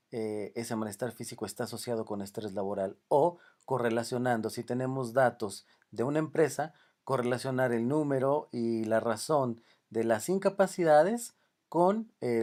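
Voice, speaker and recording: A man lecturing off the cuff at an ordinary middle pitch. He fills pauses with drawn-out "eh" sounds and keeps checking in with "¿no?" after his points. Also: darkish tone. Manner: unscripted, many "eh" fillers and "¿no?" tags. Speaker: university lecturer. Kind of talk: recorded lecture.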